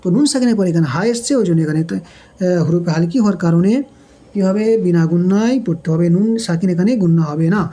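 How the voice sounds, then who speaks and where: A woman's voice: on the low side, quick pace, warm tone, husky. A woman teaching Quran recitation rules step by step, patiently repeating syllables and asking questions as she explains. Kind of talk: step-by-step tajweed lesson.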